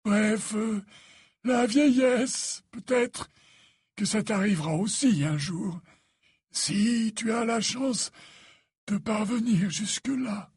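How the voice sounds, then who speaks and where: A frail, weakened old wizard, as put on by a male audiobook reader. He speaks softly and falteringly, pitched well above the reader's own voice and drawn out very slowly. The sound is breathy, close and dry. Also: dry recording, exaggerated voice. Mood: weary, calm. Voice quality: soft and faltering, pleading at the end. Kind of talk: audiobook character voice.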